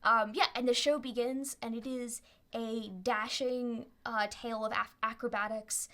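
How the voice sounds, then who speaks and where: A woman runs a tabletop game with a slightly high voice. She narrates casually and playfully, making it up as she goes and often halting to find the next phrase. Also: steady tone, a bit bright. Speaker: game master.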